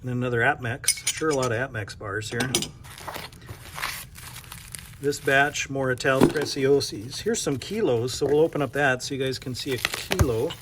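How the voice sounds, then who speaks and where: A man's voice: medium pitch, normal speed, pauses often, heavy background noise. A man from North Dakota who runs a coin shop, chatting casually and thinking aloud as he unboxes silver bars, with self-deprecating asides.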